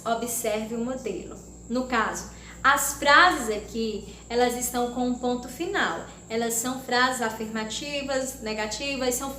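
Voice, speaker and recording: Slow, high-voiced Brazilian teacher woman. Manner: slow, deliberate and expressive, exaggerating intonation when reading examples. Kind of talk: recorded lesson for young children. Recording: echoey room with faint background noise.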